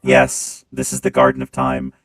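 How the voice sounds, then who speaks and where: A man voicing a calm, dutiful male robot steward through a robot voice filter, speaking formally. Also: a bass voice, faint music behind, voice pushed down. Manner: formal, measured, reminiscing. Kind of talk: gameplay stream reading game dialogue.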